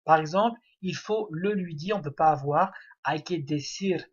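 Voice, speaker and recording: A man's voice: on the high side, normal speed, breathy edge. A man giving a spoken grammar lesson, explaining step by step with many hesitations and fillers. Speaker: language teacher. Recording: dull lo-fi recording.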